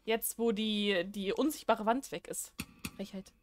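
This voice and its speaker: A young woman talks her way through a horror game in a loose, chatty style and cracks jokes as she goes. She answers the game out loud as if it could hear her, and her pitch sits in an ordinary middle range. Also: fairly even intonation, a little slow, slight background noise. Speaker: let's play gamer. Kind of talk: casual game commentary.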